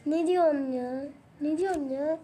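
A woman's voice: sits high, a little slow, mellow, a little hiss or hum. A young woman voicing a dismissive schoolgirl who snaps at a classmate. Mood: annoyed. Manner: snappy, dismissive. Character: dismissive bratty schoolgirl Merve.

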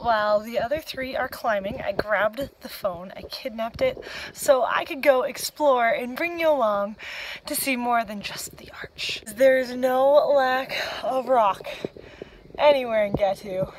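A woman's voice: on the high side, measured pace, poor audio. A young woman in her twenties chatting wryly to a phone held at arm's length while touring outdoors in a river gorge. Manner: chatty, wry asides. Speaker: travel vlogger. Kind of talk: casual travel vlog to camera. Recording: outdoor noise behind voice.

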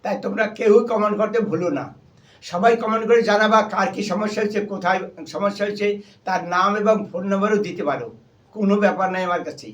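A man's voice: sits high, fast talker. A male harmonium and keyboard teacher, patiently explaining a music lesson and naming the notes one by one. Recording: voice a little far from the mic, with instrument playing.

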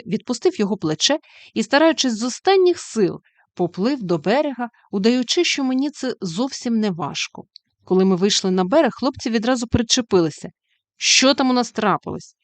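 A woman reads a storybook aloud with lively, expressive storytelling. Her voice sits at a middle pitch for a woman. The sound is dry and close, with no room echo. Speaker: audiobook reader. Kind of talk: storybook narration.

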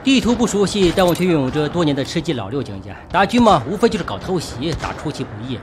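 Animated fast-talking man over loud gunfire. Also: a little high, background noise. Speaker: gaming video host. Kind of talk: gameplay commentary. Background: loud gunfire and clicks from a shooter game.

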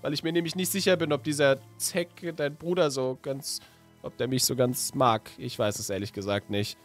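A man's voice: medium pitch, steady tone, moderate pace, faint music behind. A man playing himself in a Minecraft story, talking in a casual, slangy way and sounding confused and hesitant. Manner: slangy and casual, often asking what is going on. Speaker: YouTuber playing his own character in a Minecraft story. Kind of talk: role-played Minecraft story with casual chat.

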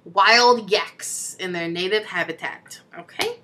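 A woman's voice: medium pitch, slow, pushed and bright, a little hiss or hum. A young woman co-hosting a let's play, chatting casually, giggling and reading game text aloud in a playful way. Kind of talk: casual gameplay chat.

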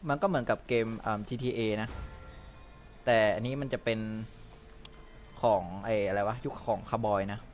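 A man's voice: on the low side, moderate pace, long pauses, faint music behind. Chatty polite man narrating gameplay. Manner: chatty and polite, ends phrases with courteous particles; jokey, ad-libs lines for the game characters. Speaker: gamer hosting a let's play channel. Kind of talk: casual gameplay commentary.

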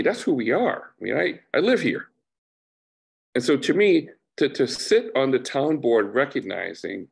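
A middle-aged man speaks on a panel over a webcam, his voice lowish and gravelly. He explains in an earnest, deliberate way, building his points step by step. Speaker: panelist, former town board member. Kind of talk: panel discussion over video call. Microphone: video call webcam.

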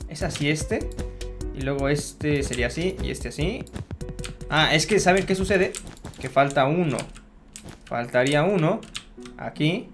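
Man, casual gameplay commentary, chatty, self-mocking, talks to viewers, soft music underneath. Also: medium pitch. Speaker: Minecraft gamer.

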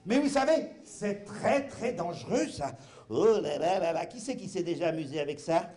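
This clown's voice is high and expressive, with a darkish tone and moderate pace. Performing for children in an echoey hall, he's playful and over-the-top, calling out and joking with the audience as kids clap and chatter.

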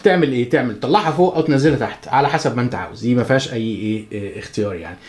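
A man with an Egyptian Arabic accent giving a chatty, joking guitar lesson, counting the beats out loud. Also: medium pitch, rapid-fire. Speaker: guitar teacher. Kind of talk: casual spoken music lesson.

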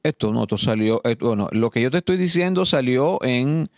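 A man's voice: mid-range voice, lively intonation, dry recording. Indignant Dominican man, dry studio sound. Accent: Dominican Spanish. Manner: indignant, emphatic, reads law text slowly and deliberately. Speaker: political commentator. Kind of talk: casual studio political talk. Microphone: studio mic.

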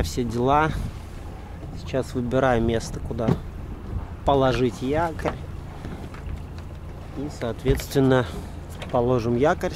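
A man giving casual, playful running commentary outdoors while filming, picked up by a camera microphone. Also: mid-range voice. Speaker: sailing vlogger. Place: outdoors, mostly on a sailing boat deck. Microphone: handheld camera microphone. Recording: loud wind and boat engine noise. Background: wind, water and boat noise.

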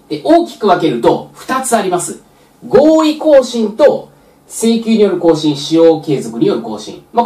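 A woman's voice: low-pitched, warm tone. A woman tutor giving a patient, step-by-step explanatory lecture for a real estate exam. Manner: patient, step-by-step, frequent filler "まあ". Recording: roomy echo, distant mic.

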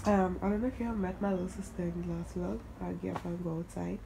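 A woman's voice: lowish voice, flat delivery, fast talker, vocal fry, background noise. A woman vlogging casually from a relative's home, rambling with lots of fillers and laughing easily, her phone on a monopod a little away from her. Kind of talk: casual vlog chat. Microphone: phone on a monopod held a bit away.

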